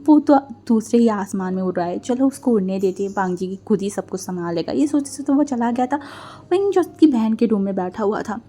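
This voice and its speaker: A woman's voice: medium pitch, warm tone. A young woman casually narrating a fan fiction story, lightly voicing the characters' lines as she goes.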